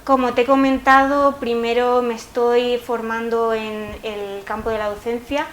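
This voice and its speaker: Hesitant young woman artist, slightly high. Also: level tone, a little slow, slight background noise. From Spain. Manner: hesitant, with many fillers. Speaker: artist guest. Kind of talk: interview answers.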